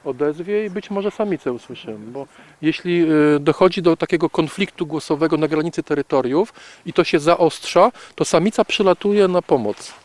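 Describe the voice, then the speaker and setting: A man guiding a night walk in the forest, calmly explaining owl behavior to a group with fillers and repeats. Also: a little high, normal speed. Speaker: naturalist guide on a night walk.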